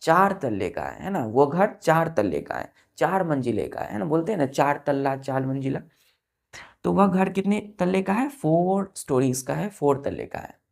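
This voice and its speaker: A woman's voice: low-pitched, big pitch swings, moderate pace, vocal fry, a little mellow. A woman with an Indian accent teaching vocabulary in a patient classroom manner, spelling words letter by letter and checking that the students follow.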